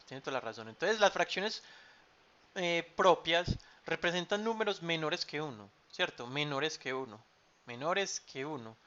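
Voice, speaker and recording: Male math teacher, bright voice, dull lo-fi mic, patient and repetitive. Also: on the high side. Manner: patient, repeats key terms with frequent ¿cierto?. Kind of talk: online math class. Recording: dull lo-fi sound.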